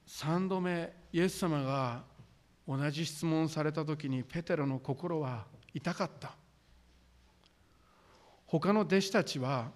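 牧師の男性が、丁寧な文末で、ゆっくりと厳かに説教している。. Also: male voice, a little high. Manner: solemn, deliberate preaching with formal sentence endings. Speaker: pastor. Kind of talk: sermon.

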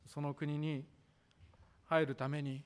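A man preaching a sermon as pastor, measured and formal, drawing out the ends of his sentences. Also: fairly high pitch, flat delivery, clear, resonant tone. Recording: echoey hall reverb.

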